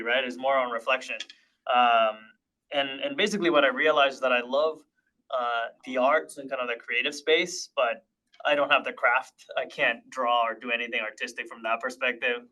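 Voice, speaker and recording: A man in his thirties, born and raised in Honduras, tells his story as a podcast guest. His voice is bright and forward, at an ordinary middle pitch. He talks reflectively, with plenty of fillers and restarts. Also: rough recording. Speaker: podcast guest, tech partnerships leader. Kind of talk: casual interview chat.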